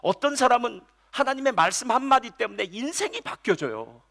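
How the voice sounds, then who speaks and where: Brief: middle-aged male pastor, high and gravelly voice, animated sermon delivery that drops soft for stories. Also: brisk. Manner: animated preaching with sudden drops to soft storytelling. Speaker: senior pastor. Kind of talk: Sunday sermon.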